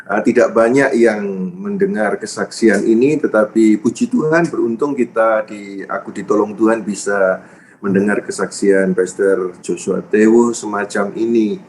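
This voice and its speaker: Male interviewer with a low, unhurried voice and faint background hiss. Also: darkish tone, low-quality recording.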